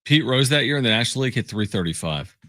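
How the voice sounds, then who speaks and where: Sports radio host, man, animated and laughing, dry studio sound, mid-range voice. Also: medium pitch, quick pace, dry recording. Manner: chatty, laughs often, animated. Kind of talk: casual sports talk radio.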